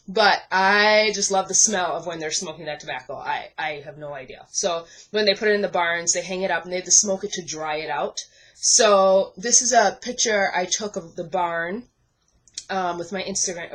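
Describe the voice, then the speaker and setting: A woman's voice: mid-range voice, a bit bright, low-quality recording. A young woman from the Bahamas, casually walking through her scrapbook pages at a craft desk at home, chatty with many ums and self-corrections. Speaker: scrapbooking vlogger. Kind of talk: casual show-and-tell walkthrough.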